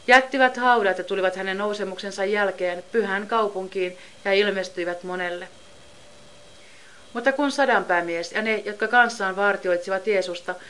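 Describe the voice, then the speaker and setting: A woman giving a steady, measured reading of scripture. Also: mid-range voice. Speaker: scripture reader.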